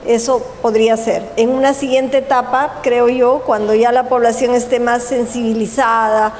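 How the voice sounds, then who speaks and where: A woman giving a conference presentation, explaining in a measured way with pauses and self-corrections. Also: on the high side, flat delivery, a little mellow, slight background noise. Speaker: conference speaker. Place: conference hall. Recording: long hall reverb, faint ambience.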